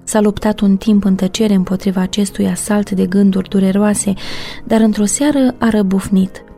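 A woman narrating a novel as an audiobook in a steady, measured storytelling manner. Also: mid-range voice, soft background music.

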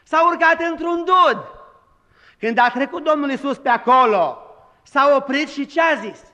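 A man's voice: extremely high pitch, bright, forceful tone, big-room sound. A man preaching a sermon as pastor, with emphatic delivery and dramatized quoted lines.

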